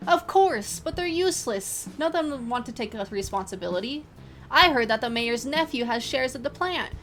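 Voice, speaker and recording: A woman voicing an angry, poor male riverside resident in a game, talking loud and indignant and swearing about the authorities. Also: mid-range voice, fairly quick, creaky, lightly acted. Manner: indignant, cursing, raised.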